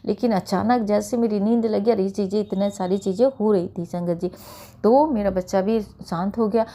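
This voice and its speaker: A mid-range, mellow voice with a steady tone and moderate pace carries a middle-aged woman's earnest testimony at satsang. She regularly calls her listeners by a respectful address while telling her own experience.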